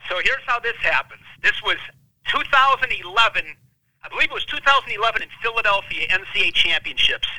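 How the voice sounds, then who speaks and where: A high-strung man in his thirties with a high, very bright voice tells his story as a podcast guest. He talks intensely and animatedly, recorded dry and close. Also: lively intonation, fairly quick, no echo, low-quality recording. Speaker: wrestling analyst, guest.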